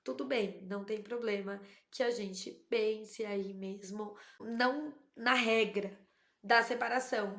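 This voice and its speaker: Animated woman teacher, slightly high voice. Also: reverberant. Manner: explanatory, animated, acts out child dialogues. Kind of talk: educational tips to camera.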